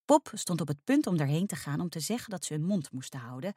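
A woman narrates a children's story with a lively, swooping delivery and a slightly low voice. The recording is close and dry, with no room around it. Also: fast, breathy edge, no room sound. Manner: expressive, lively reading. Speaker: reader.

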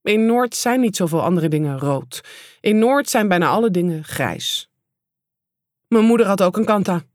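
Woman audiobook reader, mid-range voice, plain measured delivery, dry close recording. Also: medium pitch, animated, darkish tone, dry recording. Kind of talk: audiobook narration.

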